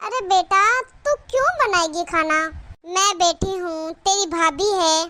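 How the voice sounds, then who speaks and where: A woman's voice: very high-pitched, measured pace, bright, forceful tone, full character voice. A woman voicing a scolding, taunting middle-aged village mother-in-law in a cartoon. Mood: bossy. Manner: nagging, taunting. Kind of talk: cartoon voice acting.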